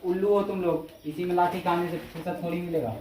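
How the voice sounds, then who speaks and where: A woman's voice: fairly low pitch, steady tone, mellow, slight background noise. Teacher woman drilling vowels in echoey classroom. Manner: repetitive questioning, drawn-out vowel demonstrations, scolding. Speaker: Hindi grammar teacher. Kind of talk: classroom lesson with call-and-response drilling. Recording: echoey room from far off.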